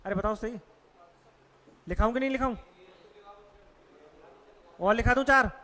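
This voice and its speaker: A man's voice: very high voice, unhurried, sharp tone, long reverb tail. A male teacher giving a classroom vocabulary lesson, quizzing students with repeated questions. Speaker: English teacher.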